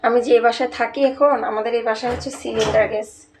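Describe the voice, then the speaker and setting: বাংলাদেশি বাংলা টানে কথা বলা ত্রিশের কোঠার এক নারী, যিনি বাড়ির রান্নাঘরে রান্না করতে করতে ধীরেসুস্থে গল্প বলেন।. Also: female voice, on the high side, steady tone. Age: 30s. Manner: chatty, unhurried storytelling. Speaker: home cooking vlogger. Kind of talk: casual chat while cooking. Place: home kitchen. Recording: echoey kitchen, distant mic, background noise.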